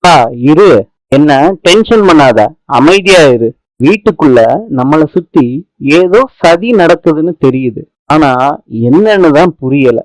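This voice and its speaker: A man's voice: a little high, expressive, unhurried, dry recording, low-quality recording. A man voicing a flustered young husband who keeps defending himself. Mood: exasperated. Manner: defensive, exasperated.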